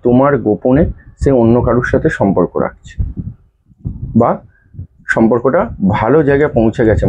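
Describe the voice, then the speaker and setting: Man, remedy-giving astrologer, warm dark voice, dull lo-fi audio. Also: mid-range voice. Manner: earnest, repetitive, addresses viewers as "you". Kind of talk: direct-to-camera advice talk.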